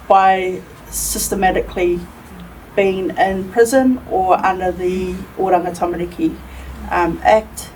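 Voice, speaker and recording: A Māori woman from New Zealand with a New Zealand accent, giving a measured, formal introduction as a panelist. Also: medium pitch, a little mellow. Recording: distant mic with faint room noise.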